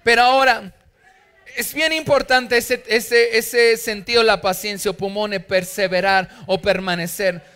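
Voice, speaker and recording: A middle-aged Mexican preacher with a high, bright voice, delivering a sermon full of funny personal anecdotes. His tone is clear and ringing, and he jumps into character voices as he tells his stories. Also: fairly even intonation, unhurried. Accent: Mexican Spanish. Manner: humorous, anecdotal, acts out characters. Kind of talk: storytelling sermon.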